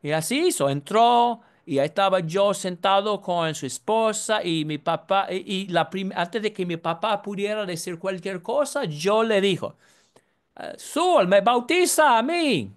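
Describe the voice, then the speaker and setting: A man's voice: sits high, normal speed, few pauses, smooth. A man in his seventies, from the United States, preaching a sermon and telling a story in an earnest way. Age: 70s.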